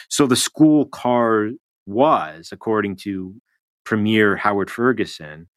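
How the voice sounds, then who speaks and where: A man giving measured, scholarly explanation in a documentary interview. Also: lowish voice, dry recording. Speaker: academic commentator.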